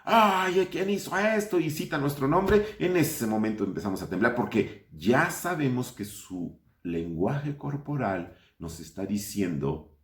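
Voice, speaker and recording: A man's voice: sits low, darkish tone, echoey room. A man preaching an online Sunday sermon as pastor, putting questions to his congregation and calling them brothers.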